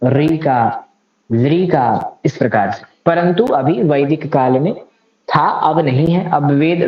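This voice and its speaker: A man lecturing on Sanskrit grammar, speaking slowly and deliberately and reciting the rules as he goes. His voice sits in a middle range. The room sounds echoey and the sound is a little dull. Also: medium pitch.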